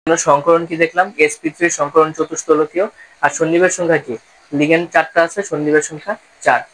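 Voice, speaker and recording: A man's voice: on the high side, flat delivery, fast talker, fairly bright tone, poor audio. A man teaches a chemistry lesson step by step, posing questions and then answering them himself. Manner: explaining step by step, asks and answers own questions. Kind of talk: classroom-style lesson.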